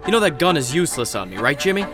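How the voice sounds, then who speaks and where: An actor playing an evil robot villain in an audio drama, mocking and theatrical, with drawn-out, gloating taunts. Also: mid-range voice, big pitch swings, music in the background, close to an everyday voice. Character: menacing gloating teenage-posing evil robot, taunting and smug.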